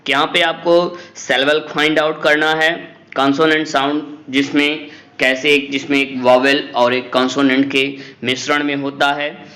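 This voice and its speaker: A man takes a class through a textbook chapter, reading each English line aloud and then unpacking it in Hindi. He speaks slowly and deliberately, in a fairly high voice. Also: little pitch movement, sharp tone. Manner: slow, explains each point in Hindi after reading English lines. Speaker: English teacher. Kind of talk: textbook lesson explanation.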